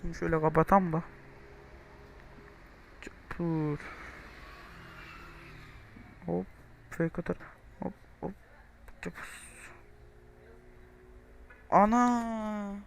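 A young man giving frustrated gameplay commentary, swearing, groaning and shouting in exasperation as he plays. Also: fairly high pitch, little pitch movement, slow pace, gravelly, long pauses, a little hiss or hum. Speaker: gaming video creator.

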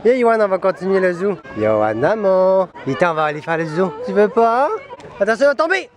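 A woman's voice: mid-range voice, big pitch swings, fairly quick. A woman with a Quebec French accent filming a family zoo outing, cooing and narrating to her young children. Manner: cooing, sing-song talk to toddlers. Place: outdoors at a busy zoo. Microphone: handheld camera. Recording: loud crowd chatter outdoors.

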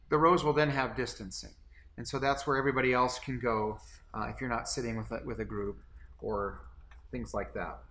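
A man's voice: mid-range voice, pushed and bright. A man in his forties, a pastor, seated in a small room making an earnest church announcement to camera, with frequent restarts and repeated words.

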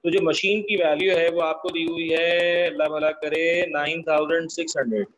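A man teaching an online accounting lesson. He explains each step slowly and keeps asking his students for the answers. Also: on the high side, flat delivery, a bit bright, poor audio.

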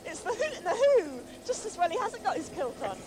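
Excitable high-voiced woman outdoors. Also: fairly quick, background noise. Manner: breathless, chattering, laughing. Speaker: outdoor runner on a game show. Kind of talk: excited live commentary on the move. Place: outdoors, windy.

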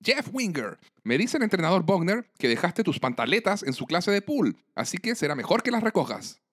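Showy male college dean on the PA, put on by a man recapping a show; pitch him up. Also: sing-song, moderate pace, fairly bright tone, dry recording, studio quality, exaggerated voice. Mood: teasing announcement. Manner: announcing, teasing.

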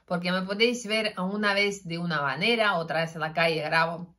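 This health vlogger, a middle-aged Russian-accented woman with a lowish voice, talks casually into her front-facing phone camera. She's lively and gestures constantly, often pausing, restarting and using fillers, from a plain indoor room with a curtain backdrop.

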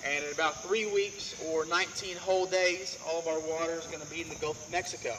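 A fast-talking guide with a slightly high, steady, pushed and bright voice jokes his way through a tour outdoors and into a cave. A visitor's camera a few meters away picks him up in a rough recording with a little hiss or hum and background music.

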